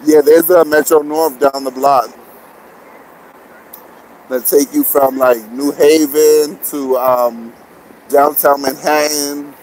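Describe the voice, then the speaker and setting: A man's voice: fairly high pitch, steady tone, slow pace, pauses often, darkish tone, low-quality recording. Breathless man livestreaming on a city street. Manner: chatty, greets viewers, begs for shares. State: out of breath and sweaty from walking. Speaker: vlogger live-streaming. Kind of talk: casual walking livestream. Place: busy city street outdoors. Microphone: phone camera worn or held. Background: street traffic and city bustle.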